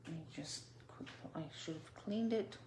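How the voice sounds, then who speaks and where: Woman, low slow voice, chatty crafting host, faint background hiss. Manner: chatty, self-deprecating, mutters to herself while working. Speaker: card-making demonstrator. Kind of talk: casual crafting tutorial.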